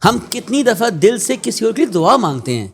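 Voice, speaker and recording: A man's voice: high-pitched, very animated, breathy edge. A middle-aged man with a Pakistani accent, talking as an interview guest in an earnest, preachy way, often slipping into quoted asides. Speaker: guest, education founder. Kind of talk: conversational interview.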